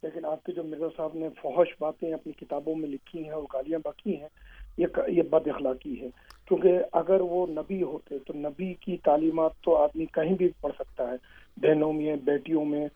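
A man's voice: on the high side, fairly even intonation. A man calling in to a radio show, heard over a phone line, arguing his points one by one in an accusing way. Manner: accusing, argumentative, talks in numbered points. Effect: caller heard over a phone line. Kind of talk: call-in radio debate.

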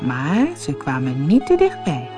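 A woman narrating a fairy tale for an audiobook in a slow, expressive storytelling manner. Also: low-pitched, over music.

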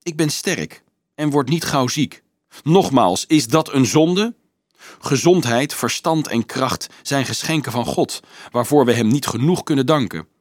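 A man's voice: medium pitch, expressive, unhurried, dry recording, clean studio sound. A man voicing a proud, strong young hero who answers his accusers in a firm, defiant way.

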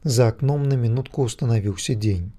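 A man narrating a story in a calm, measured audiobook reading. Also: medium pitch.

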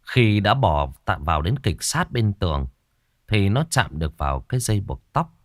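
A man's voice: low-pitched, normal speed, dry recording, studio quality. Guy reading a ghost story, voice goes up and down a lot, dramatic. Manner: lively, dramatic telling.

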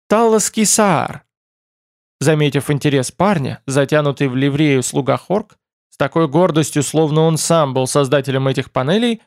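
Audiobook narrator, male, gravelly, steady and measured, dry close sound. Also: a little high, dry recording.

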